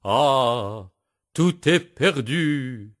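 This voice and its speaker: A man voicing a big, blustering male woodcutter with a mustache, shouting indignant outbursts in a children's storybook reading. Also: fairly low pitch, slow. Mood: defeated.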